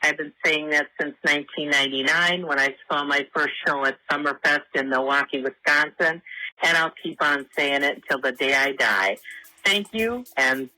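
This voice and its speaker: Caller: woman on a voicemail replayed through a phone speaker. Very sharp, thin tone; earnest and steady. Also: low voice, normal speed, poor audio. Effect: voicemail played from a phone held up to a speaker. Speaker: caller leaving a fan voicemail. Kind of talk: recorded voicemail message.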